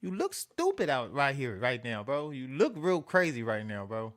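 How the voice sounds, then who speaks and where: A man hosting an animated commentary rant, repeating himself emphatically with profanity and mocking asides. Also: mid-range voice, moderate pace. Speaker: show host.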